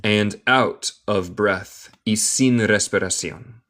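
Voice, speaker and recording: An American man from Michigan who speaks English natively, reading a story aloud word by word in a slow English lesson and explaining it in Spanish. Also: lowish voice, fairly bright tone. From United States. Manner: reads English word by word very slowly, then explains in Spanish, answers chat. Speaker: English teacher, live streamer.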